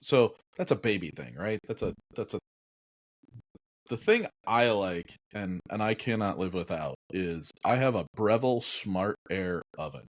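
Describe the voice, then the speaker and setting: A man with a fairly low voice talks up his favorite things on a podcast, emphatic and wry. His delivery is lively and casual. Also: unhurried. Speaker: podcast co-host. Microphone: podcast microphone.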